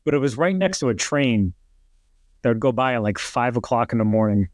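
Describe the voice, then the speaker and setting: Speaking quickly and expressively at a medium pitch, this New York-accented man in middle age recounts rambling stories as a guest on a podcast. He's a retired fire captain who says "like" constantly and performs other people's lines. It's a dry recording of casual storytelling.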